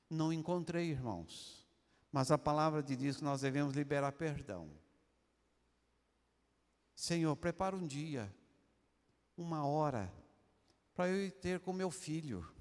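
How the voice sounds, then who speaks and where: Older Brazilian pastor preaching, high voice. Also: male voice, long reverb tail. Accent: Brazilian Portuguese. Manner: personal storytelling, addressing the congregation as brothers. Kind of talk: sermon. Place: church.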